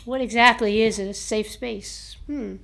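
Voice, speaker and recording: Chatty American woman with a high voice. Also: fairly even intonation, creaky, fairly bright tone. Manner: chatty, laughs at herself, reads aloud haltingly. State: slightly sore throat. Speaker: host of a book review show. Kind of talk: casual chat reading from books and notes.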